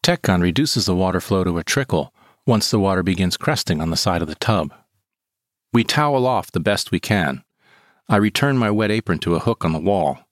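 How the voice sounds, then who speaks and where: A man reading a first-person story in a calm, measured way. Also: deep voice, no echo, clean studio sound. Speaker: narrator. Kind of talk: scripted first-person narration. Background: guitar music.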